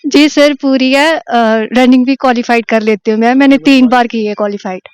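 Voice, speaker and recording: A woman's voice: sits high, steady tone, brisk, clear, resonant tone, dry recording. A young woman training for recruitment, giving earnest, plain-spoken answers in an outdoor interview. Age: young adult. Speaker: recruitment aspirant.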